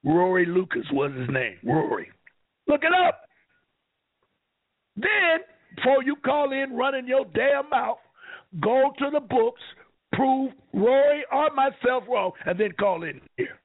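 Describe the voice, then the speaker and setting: A man hosting a call-in radio talk show, fiery and preachy, swinging between shouting and low asides. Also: animated, measured pace. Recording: tinny phone-line radio sound.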